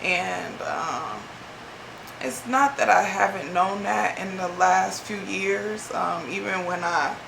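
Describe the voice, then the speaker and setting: A woman from Ohio sharing a reflective faith talk on her vlog, speaking slowly and haltingly with many pauses and fillers, emotional and near tears. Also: medium pitch, creaky, reverberant, background noise. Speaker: vlogger.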